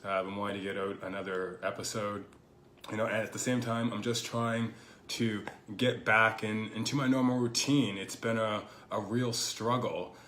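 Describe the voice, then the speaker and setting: Speaking flatly but with a slightly bright quality, a man still shaking off a cold talks in a lowish, somewhat hoarse voice. As host of his own podcast, he rambles through a casual, reflective monologue, pausing often on "you know," sounding personal more than polished. A faint hiss and room echo sit behind him.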